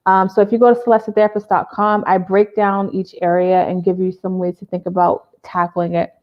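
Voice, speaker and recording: A therapist from the Boston area hosts a casual live video interview, opening with warm-up chatter full of ums and uhs. Her medium-pitched voice is brisk with little pitch movement, and the audio sounds dull.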